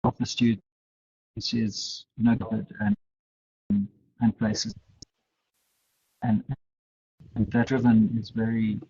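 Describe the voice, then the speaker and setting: A slow, husky-voiced man talks haltingly over a video call, restarting his sentences and filling gaps with pauses. His call audio sounds dull and lo-fi, and it keeps cutting out so that his volume rises and sinks unevenly. There is a gravelly edge under his words. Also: on the low side, flat delivery, dark tone. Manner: halting, with many restarts and fillers. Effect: choppy audio dropping out, uneven volume. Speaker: conference speaker. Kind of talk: unscripted conversation over an online call.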